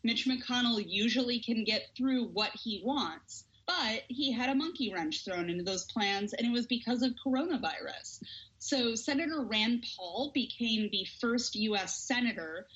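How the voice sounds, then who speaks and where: A woman congressional correspondent giving a brisk, explanatory live report to the anchor. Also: fairly high pitch, lively intonation, fairly bright tone, a little hiss or hum. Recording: dull, lo-fi line.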